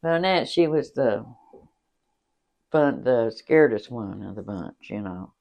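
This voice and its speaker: A woman's voice: a bass voice, animated, measured pace, highs cut off. An older woman tells family stories in casual chat. She laughs often and acts out the voices of the people in her stories. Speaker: interviewee, mother.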